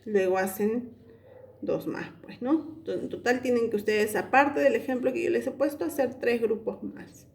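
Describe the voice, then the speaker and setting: Lady teacher on her phone, slightly high voice, walks thru english grammar slowly and patiently. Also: gravelly, darkish tone. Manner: explains step by step, slows to spell out English examples. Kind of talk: recorded homework explanation. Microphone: phone held in hand.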